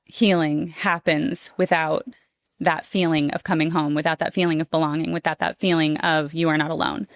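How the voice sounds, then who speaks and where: A woman speaks as a guest on a podcast taped before a small audience. Her voice sits a little low and sounds smooth and resonant. She talks in an earnest, reflective way, and the sound is dry and close. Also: level tone, no room sound. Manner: earnest, reflective, slow to find words. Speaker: guest performer. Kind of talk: podcast interview.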